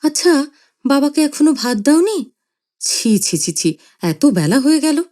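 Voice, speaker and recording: A woman voicing a gentle, dutiful father in his fifties who speaks in a soothing, pleading way. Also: mid-range voice, very animated, unhurried.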